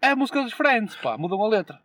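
A man's voice: high voice, very animated, fast talker, a bit bright, no echo. A young man with a European Portuguese accent, chatting casually and slangily, with swearing, as a podcast co-host. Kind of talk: casual chat.

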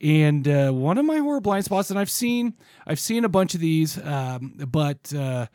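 A man's voice: a little high, very animated, unhurried, dark tone, no room sound, studio quality. A man hosting a podcast in a casual, jokey, informal chat style. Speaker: podcast host.

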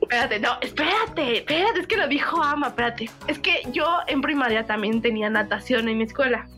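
A young woman with a Mexican Spanish accent, telling stories in an animated, laughing casual chat. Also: a little high, fairly quick. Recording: faint background music.

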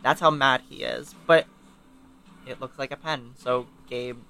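A man recapping a novel in casual chat, animated and profane, sometimes reading passages aloud. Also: medium pitch, unhurried, vocal fry, poor audio. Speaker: book podcast co-host.

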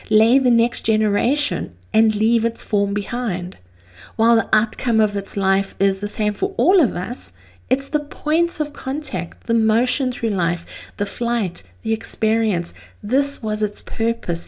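Gravelly-voiced woman giving a theatrical motivational monologue. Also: fairly high pitch, a little mellow. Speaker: host of a daily inspirational series.

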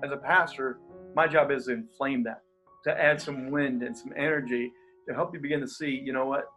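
A man with a medium-pitched voice, heard on a low-quality recording, is a pastor and coach appearing as an interview guest. He talks casually with lots of energy and animation, laughs easily, and has a stutter.

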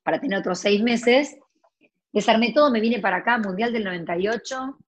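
Speaking a little fast in a voice on the high side, a forties-aged actress from the Rioplatense region of Argentina casually recounts her life. She frequently restarts sentences and drifts into asides.

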